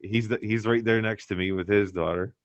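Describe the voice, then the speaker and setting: A man's voice: lowish voice, steady tone, fairly quick. A man co-hosting a podcast, chatting casually in laid-back stoner slang with free swearing, on a slightly lo-fi recording. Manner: swears freely. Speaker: podcast co-host. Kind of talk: casual chat and anecdotes.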